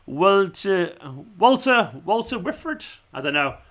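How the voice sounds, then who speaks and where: On a football watchalong livestream, a fan channel host with a bright, higher voice chats casually with viewers. He addresses them in a matey way, full of "man," "mate" and "pal," at a measured, sing-song pace, though he's losing his voice.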